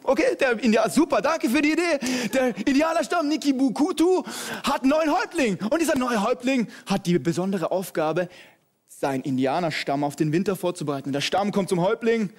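A male preacher giving an energetic, humorous sermon, addressing the audience directly. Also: extremely high pitch, a little fast.

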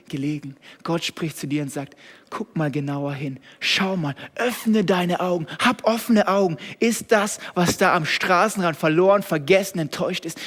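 A young German man preaches a lively sermon, jumping between loud, energetic calls and hushed, intimate asides. His voice sits high. The sound rings out with a long hall reverb. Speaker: pastor.

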